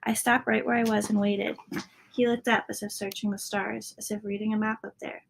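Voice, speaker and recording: A woman reading a children's story aloud as a narrator, sometimes dropping into a hushed tone at the ends of lines. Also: mid-range voice, little pitch movement, fairly quick, gravelly, a little hiss or hum, poor audio. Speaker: storybook reader.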